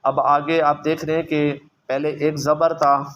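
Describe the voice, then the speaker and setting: A man teaching Quran reading, explaining quickly and then drawing out each letter slowly and loudly. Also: fairly high pitch, little pitch movement, highs cut off. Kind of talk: step-by-step recitation lesson.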